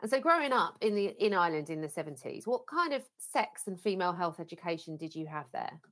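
A woman hosting a podcast, reading a scripted introduction and then interviewing her guest in an upbeat, clear presenter manner. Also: fairly low pitch, very animated, fast talker, a bit bright. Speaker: podcast host.

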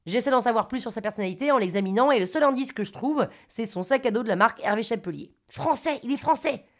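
Woman, Parisian accent, scripted personal storytelling, wry, self-mocking, fairly high voice. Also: fast. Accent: Parisian French. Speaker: podcast storyteller.

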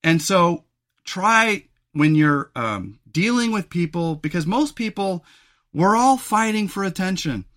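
Bright-voiced man hosting a podcast. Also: sits high, big pitch swings, measured pace. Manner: rambling and reflective, many fillers and restarts. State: losing his voice, clears throat often. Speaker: podcast host. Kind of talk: solo podcast monologue.

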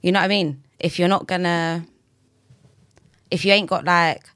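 A woman's voice: on the low side, fairly even intonation, moderate pace, a bit bright, no room sound. London woman in her twenties, dry sound. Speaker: podcast guest. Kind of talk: casual chat in London street slang.

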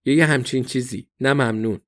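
A man's voice: mid-range voice, natural voice. A man voicing a wry young policewoman. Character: sharp young woman police officer.

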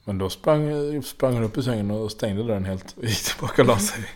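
A man's voice: fairly low pitch, a little mellow. A man in his thirties, chatting casually, who often restarts his sentences and acts out what others said. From Sweden. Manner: halting, full of restarts, acts out quotes. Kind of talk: casual chat.

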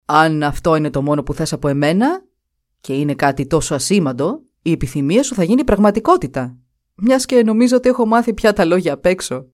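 A storybook duke who pleads with feeling, voiced by a woman narrator. His voice sits fairly low and moves a lot, rising sharply when he is stirred. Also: lively intonation, a little mellow, lightly acted. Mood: pleading. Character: grieving bewildered nobleman duke, middle-aged.

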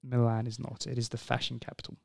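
Co-hosting a casual podcast, this man has a gravelly edge and a slightly mellow, medium-pitched voice. He reads quiz questions aloud playfully and jokingly, chatting loosely with his co-host at a quick pace, though his delivery stays completely flat.

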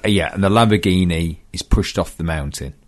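A man's voice: low-pitched, a little fast. A man, co-hosting a casual film chat and often asking the others to agree. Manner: animated, chatty, asks for agreement.

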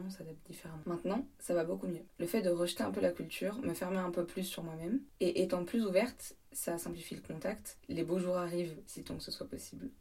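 A woman's voice: on the low side, vocal fry, warm tone, breathy edge, far from the mic. A woman from France hosting a solo travel podcast, talking in a chatty, wry way with joking asides. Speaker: podcast host.

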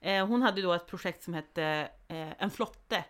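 A young woman in casual chat, relaxed and frank, swearing freely and pausing on fillers while she remembers. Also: mid-range voice. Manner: hesitant fillers while recalling.

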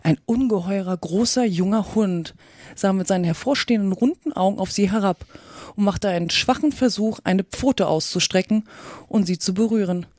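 A woman narrating a storybook in a steady, even reading voice. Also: mid-range voice, moderate pace, no echo, studio quality. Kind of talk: audiobook reading.

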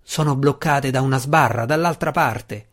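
A man voicing a gruff, stubborn male deep gnome in an audiobook, exclaiming his lines. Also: moderate pace, fairly bright tone, lightly acted.

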